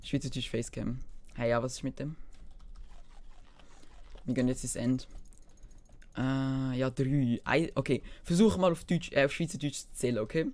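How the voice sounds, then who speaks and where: A man's voice: medium pitch, fairly even intonation, normal speed, long pauses, a little mellow. A man with a Swiss German accent chatting casually on a live game stream, half talking to himself and half answering chat. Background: keyboard typing and mouse clicks.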